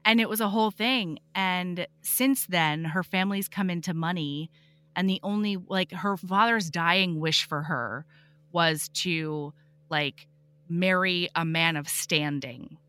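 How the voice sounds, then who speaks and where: A woman's voice: lowish voice, a little slow, smooth. A woman guest on a podcast, chatting casually and animatedly, swearing freely as she retells stories. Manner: animated, swears freely, acts out book characters. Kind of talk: casual chat.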